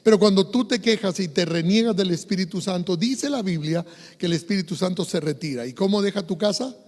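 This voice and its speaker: A male pastor with an Ecuadorian Spanish accent preaching a sermon, moving between hushed passages and fervent, loud ones. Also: sits high, a little fast. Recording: long hall reverb.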